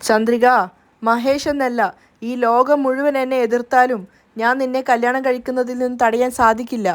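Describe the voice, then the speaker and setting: A woman voicing a calm young man who gently reassures a worried woman in a storybook recap. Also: fairly high pitch, normal speed, natural voice. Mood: reassuring.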